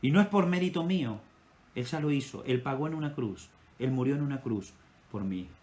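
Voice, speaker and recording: A male pastor with an Ecuadorian Spanish accent preaching a sermon with impassioned delivery, his loudness rising and falling. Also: medium pitch, animated, fairly quick.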